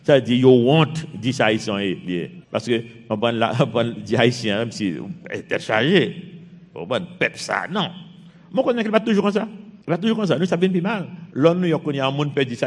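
A man's voice: animated, a little fast. A man from Haiti with a Haitian French accent, preaching a sermon and reading scripture, his voice rising and dropping sharply in force. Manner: fervent, rises and drops sharply in pitch and force. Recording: long hall reverb.

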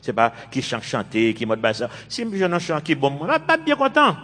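A man's voice: medium pitch, wildly swooping pitch, moderate pace, a bit bright. A man in his fifties, a pastor preaching a sermon with emphatic, repeated phrases. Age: 50s. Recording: long reverb of a large hall.

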